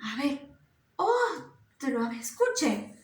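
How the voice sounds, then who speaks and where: A woman's voice: sits high, sing-song. Sing-song woman teaching small children. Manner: slow, sing-song, coaxing questions to children. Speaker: preschool teacher. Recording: roomy echo.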